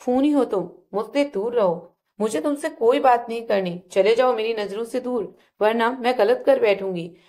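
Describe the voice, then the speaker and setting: A young wife with a fierce temper, played by a woman storyteller in a told family drama. She scolds in short, harsh commands. Her voice is fairly high. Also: moderate pace, darkish tone, close to an everyday voice. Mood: angry. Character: young wife, sharp-tempered, later remorseful.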